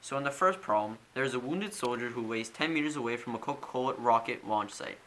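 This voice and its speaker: A man's voice: medium pitch, fast, a bit bright. A man presenting a scripted maths lesson as an explainer. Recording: noisy, clicking home recording.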